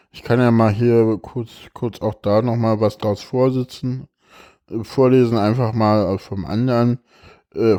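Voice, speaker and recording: Tired man with a mellow voice. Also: fairly low pitch. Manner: halting, many fillers, reads a text aloud with feeling. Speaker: podcast host. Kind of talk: casual podcast chat and reading aloud.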